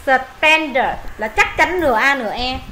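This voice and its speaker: A woman's voice: sits high, lively intonation, unhurried, pushed and bright, a little hiss or hum, rough recording. A woman teaching English pronunciation in Vietnamese, modelling words, repeating them for students and thinking aloud when unsure.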